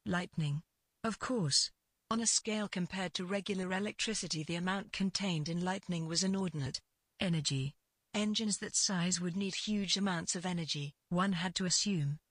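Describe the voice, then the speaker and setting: A woman reads scripted fiction in a husky, lowish voice, setting short clauses apart with deliberate pauses. The recording is close and dry, without any room sound.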